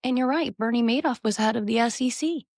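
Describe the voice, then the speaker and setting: A woman co-hosting a podcast, telling reality TV stories in an animated, gossipy way. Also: fairly high pitch, brisk, no room sound, studio quality. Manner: animated storytelling, recounting reality TV scenes. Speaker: podcast co-host. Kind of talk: casual podcast chat.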